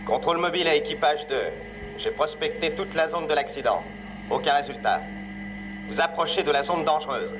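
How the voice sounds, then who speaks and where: A clipped rescue controller on radio. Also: male voice, a little high, a little fast, highs cut off, heavy background noise. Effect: radio transmission. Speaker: rescue pilot at mobile control. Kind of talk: dubbed puppet adventure series.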